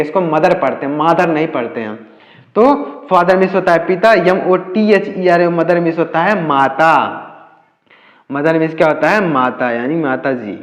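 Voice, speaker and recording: A man teaching English reading in Hindi, spelling words out letter by letter and asking the class questions that he answers himself. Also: fairly high pitch. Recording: echoey room with long reverb.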